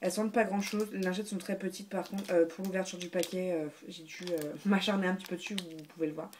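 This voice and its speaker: Woman, casual haul chat, lowish voice, hesitant with fillers, faint background noise. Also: fairly even intonation, fast, a little mellow. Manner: chatty, hesitant, lots of fillers and restarts. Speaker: beauty vlogger.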